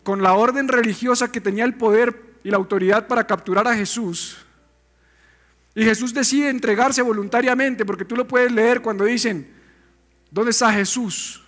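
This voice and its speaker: High-voiced preacher, animated. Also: male voice, moderate pace. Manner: animated, conversational preaching with rhetorical questions. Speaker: pastor. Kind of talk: sermon.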